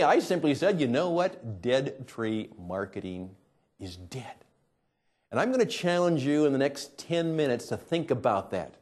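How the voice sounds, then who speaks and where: A middle-aged man hosting a show from a studio floor, talking emphatically, swinging between loud and hushed lines. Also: on the high side. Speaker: host. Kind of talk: energetic presenting to camera.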